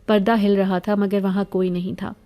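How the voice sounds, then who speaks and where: Mellow woman telling a horror story. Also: mid-range voice. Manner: even, measured storytelling. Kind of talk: scripted first-person horror narration.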